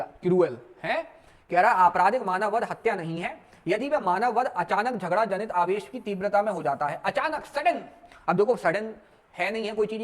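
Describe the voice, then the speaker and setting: High-voiced man teaching law. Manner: storytelling, mixing Hindi and English, asks students questions. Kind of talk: exam lecture.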